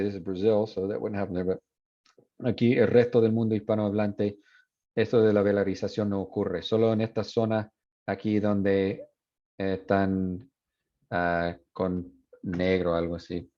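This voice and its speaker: A man's voice: lowish voice, level tone, unhurried, lo-fi sound. A man teaching a university Spanish linguistics class, switching between Spanish and English, with many fillers and restarts. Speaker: Spanish professor. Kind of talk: university lecture.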